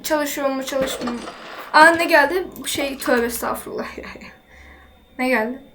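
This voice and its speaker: Woman, high voice, casual gameplay commentary, thinks aloud, quick exclamations, faint background hiss. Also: a bit bright. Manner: chatty, talks to herself while playing, quick exclamations. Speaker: gaming channel host.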